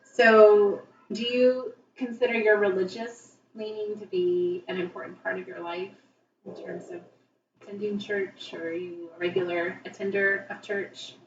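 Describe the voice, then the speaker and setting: A woman asks friendly, encouraging interview questions. Her voice sounds re-recorded off a television speaker, so it comes across distant, muffled and ringing with room echo. Her pitch sits in the middle range. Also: steady tone, measured pace, slight background noise. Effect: re-recorded through a TV speaker. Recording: echoey, dull, distant TV re-recording.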